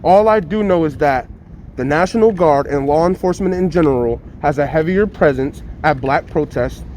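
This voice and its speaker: A man's voice: fairly high pitch, moderate pace, a little mellow, a little hiss or hum. A man talking through a face mask, arguing his opinions in an impassioned, insistent way and repeating phrases for emphasis. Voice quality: slightly muffled, speaking through a face mask. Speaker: interviewee giving opinions. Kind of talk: impassioned street debate.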